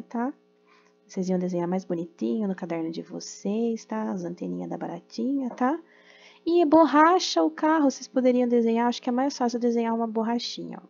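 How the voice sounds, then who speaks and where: A woman teacher with a Brazilian Portuguese accent, giving a recorded class to young children, patient and sounding out words slowly with many diminutives. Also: medium pitch, vocal fry, darkish tone. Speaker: primary school teacher. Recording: dull lo-fi audio with faint music.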